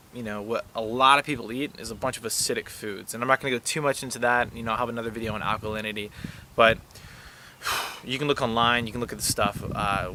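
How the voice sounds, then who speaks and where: Bright-voiced young man vlogging casually. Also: on the low side, a little hiss or hum. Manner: rambling, filler-heavy, earnest advice. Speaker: wellness vlogger. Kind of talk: casual talk to camera.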